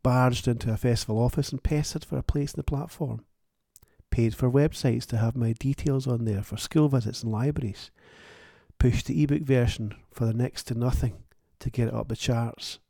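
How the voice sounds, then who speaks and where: Speaking at a normal pace, the author and podcast host sounds creaky and dark, his voice mid-range. Alone on his show, he's wry, thoughtful and plain-spoken, and the studio-quality recording has no room sound at all.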